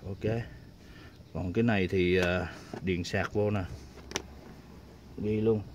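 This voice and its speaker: A man's voice: low-pitched, fairly even intonation, slow pace, muffled recording, noisy background. A man casually showing a solar panel hookup, chatty and full of filler sounds, talking to his viewers while he works outdoors. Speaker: DIY tinkering vlogger. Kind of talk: casual hands-on demonstration.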